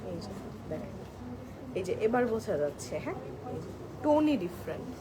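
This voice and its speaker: A woman's voice: mid-range voice, sing-song, a little fast, background noise. A woman hosting a live-stream sale in a crowded store, showing products and talking to viewers. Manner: chatty, addresses viewers as apu; switches between soft and loud talk. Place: crowded store outlet indoors. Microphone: clip-on mic. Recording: crowded shop, busy background. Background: shoppers chattering.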